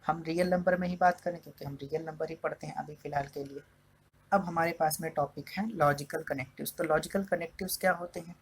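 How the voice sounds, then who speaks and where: A man's voice: on the high side, fast talker, husky, poor audio. A male math teacher giving a board lesson, explaining each point step by step and often checking in with the class. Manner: steady explaining, keeps checking in with "okay". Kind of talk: whiteboard lesson.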